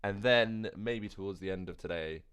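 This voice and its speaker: Hosting a live crypto trading stream, a man rambles over the charts and answers viewer chat, tired and yawning as he thinks aloud. His voice is fairly low, a bit bright and smooth, at a moderate pace.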